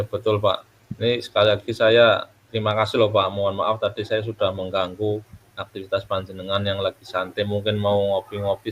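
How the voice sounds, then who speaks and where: A man's voice: on the low side, dull audio, a little hiss or hum. A man, a teacher in a coaching role-play, talking deferentially and thanking his colleague, with some hesitation.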